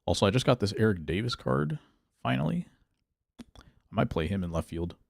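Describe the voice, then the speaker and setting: A man with a low-set, gravelly voice chats his way through a gameplay livestream. He muses out loud and answers viewers in a relaxed, easygoing way. The sound is close and dry, with no room around it. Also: fairly quick, no echo. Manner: thinks aloud, reads and answers chat, relaxed. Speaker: streamer. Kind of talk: casual gameplay livestream chat.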